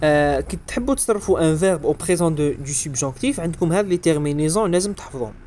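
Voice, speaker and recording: A man's voice: on the high side, animated, very fast, dark tone, slight background noise. A man with an Algerian Arabic accent explaining French grammar as an exam revision lesson, spelling out verb endings letter by letter. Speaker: French teacher.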